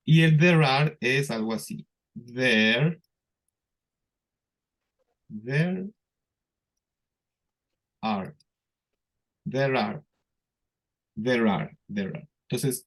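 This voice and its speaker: Unhurried male teacher on an online class, drills pronunciation patiently. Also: medium pitch. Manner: patient, repeats words slowly for students. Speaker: English teacher.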